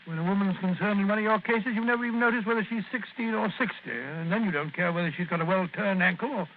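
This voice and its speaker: A man's voice: high voice, fast talker, close to an everyday voice. A man playing an older, genial and sentimental Dr Watson, who chuckles and stammers as he tells a story in a 1940s radio drama. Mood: chatty. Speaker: narrator and storyteller. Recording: tinny old radio broadcast with faint hiss.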